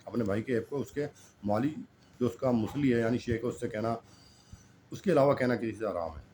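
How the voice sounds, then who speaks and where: Guy preaching a sermon, scolding, repeats stuff, warm low-toned voice, bit of faint room noise. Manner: admonishing, rhetorical questions, repeats lines for emphasis.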